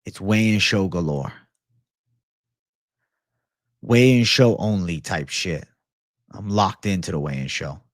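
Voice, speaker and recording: Deep-voiced and slow, with long pauses, a young adult American man chats easygoingly on his MMA livestream, reading viewer messages. He's laid-back and slangy, tossing out bro constantly. He speaks into a desk mic in a shelved home studio, and the recording is dry and of studio quality.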